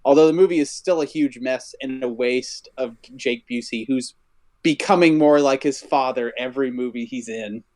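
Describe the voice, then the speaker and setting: A man chatting casually on a podcast, joking excitedly and often breaking into laughter. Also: mid-range voice, moderate pace. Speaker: podcast co-host.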